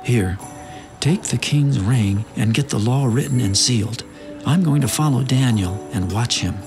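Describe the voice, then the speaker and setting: An actor playing a sly, flattering royal official in a theatrical Bible drama. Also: male voice, mid-range voice, a little slow, music in the background, natural voice. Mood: sly, gloating.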